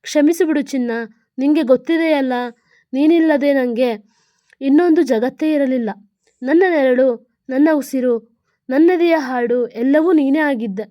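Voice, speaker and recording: A woman's voice: sits high, moderate pace, long pauses, mellow, no room sound, clean studio sound, natural voice. A woman voicing a dying old mother who pleads tenderly with her son in a letter. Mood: tender, pleading.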